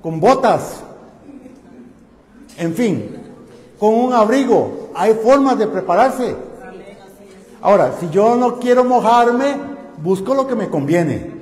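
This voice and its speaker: A man's voice: high voice, darkish tone. Guy preaching a sermon, asks the crowd questions, roomy echoey sound. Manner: rhetorical questions to the congregation. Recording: echoey hall.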